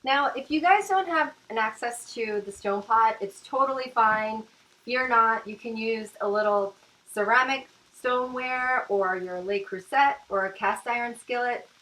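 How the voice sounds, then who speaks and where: A woman's voice: a little high, a little slow, fairly bright tone, rough recording. A woman hosting her own cooking video, chatting enthusiastically to viewers as she cooks and tastes. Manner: chatty, enthusiastic, keeps addressing viewers as guys. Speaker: cooking channel host. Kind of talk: casual cooking demonstration.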